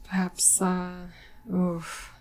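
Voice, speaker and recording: A woman with a slightly low, flat voice plays her character in a tabletop game. She speaks politely and hesitantly, pausing often over her words. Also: slight background noise. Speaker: player.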